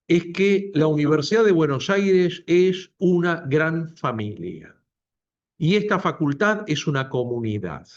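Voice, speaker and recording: A man speaks slowly and deliberately to a university room, stressing his points by saying them twice. His somewhat high voice rises and falls with wide, lively swings. The sound is dull and lo-fi. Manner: emphatic, repeating key phrases. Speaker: doctoral program director. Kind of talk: introductory speech at a book presentation. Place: university lecture room, also streamed to video call.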